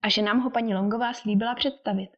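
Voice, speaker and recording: A woman's voice: mid-range voice, steady tone, natural voice. Woman doing a sensible young daughter. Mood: reasonable. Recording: dull lo-fi recording.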